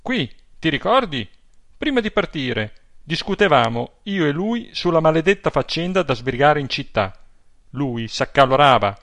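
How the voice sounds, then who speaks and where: Un uomo robusto e cupo, letto dal narratore, con voce ruvida, tesa e più forte del racconto. Parla lentamente, in una registrazione asciutta e vicina. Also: male voice, fairly high pitch, sing-song, measured pace, dry recording, voice pushed up, full character voice. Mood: brooding. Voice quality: rough, dark tone. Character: burly brooding man, rough and tense. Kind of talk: audiobook reading.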